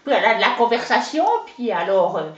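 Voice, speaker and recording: A woman with a medium-pitched voice, lively intonation and fast delivery plays, lightly acted, a chatty, boastful older countrywoman with a Franc-Comtois (Haut-Doubs) accent. She rambles folksily, sprinkling in "hein" and "oh ben," as the interviewee in a comic character interview, recorded with roomy, dull lo-fi sound.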